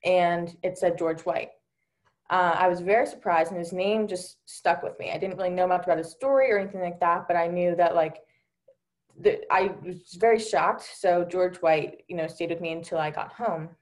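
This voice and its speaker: A young woman from Delaware, USA, speaking at a fairly low pitch and normal speed, gives an earnest personal account as a panelist on a virtual panel over a video call. Her speech is full of fillers like "um" and "you know."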